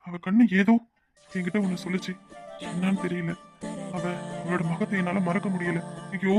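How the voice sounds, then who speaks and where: A man's voice: high-pitched, close to an everyday voice. A man voicing a young cartoon husband, hot-tempered, brooding over his feelings and possessive.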